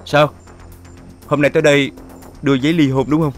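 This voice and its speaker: A man's voice: on the high side, flat delivery, brisk, faint music behind, natural voice. An actor playing a sulking husband who answers his wife curtly and sarcastically. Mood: bitter. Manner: curt, sarcastic. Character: sulking husband, cold and bitter.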